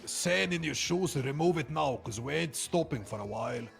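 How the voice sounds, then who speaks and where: A man playing a gruff, practical deputy in a game roleplay, giving orders. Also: on the high side, lively intonation, moderate pace, soft background music.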